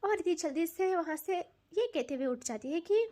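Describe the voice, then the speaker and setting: A woman's voice: very high voice, expressive, moderate pace, warm tone. A woman storyteller and writer narrating a romantic audio story in an intimate, descriptive way.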